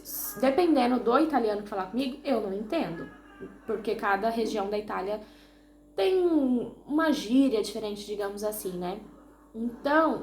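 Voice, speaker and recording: A woman's voice: fairly high pitch, echoey room. A Brazilian woman with a Brazilian Portuguese accent, chatting casually and self-deprecatingly to her viewers, often restarting her sentences. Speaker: vlogger. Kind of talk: casual chat to camera.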